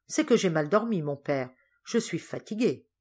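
A woman's voice: lowish voice, expressive, normal speed, a little mellow, breathy edge. A woman reading the part of an impassioned young man pleading with his father, in a fervent, declamatory way.

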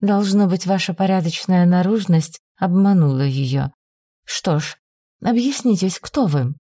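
A woman's voice: lowish voice, unhurried, warm tone, no echo, studio quality. A woman voicing an imperious, cruel foreign noblewoman who speaks haughtily and turns frenzied and threatening. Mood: cold, mocking.

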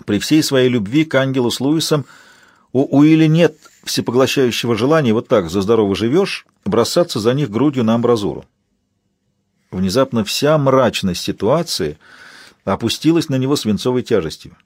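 A man narrating an audiobook in a steady, wry storytelling manner. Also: medium pitch, moderate pace, husky, dry recording, studio quality.

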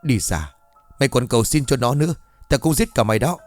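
A man's voice: mid-range voice, expressive, brisk, darkish tone, faint music behind, natural voice. A man voicing a cruel village woman who speaks coldly and scolds and threatens. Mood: threatening.

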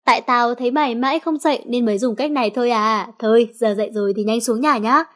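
A woman's voice: on the high side, fast, a bit bright, close to an everyday voice. A woman voicing a cheeky teenage girl who plays pranks on her friends, teasing with feigned alarm.

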